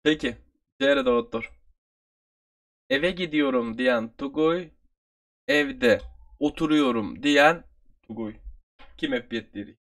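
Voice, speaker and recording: A man with a Turkish accent, from Turkey, teaching an online review lesson and repeating phrases slowly for his learners. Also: on the high side, wildly swooping pitch, gravelly, fairly bright tone.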